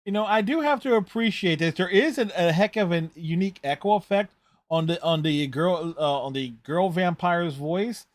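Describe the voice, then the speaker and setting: A man's voice: sits high, normal speed, no room sound. A man hosting a reaction video, giving casual, rambling, conversational running commentary on a TV show.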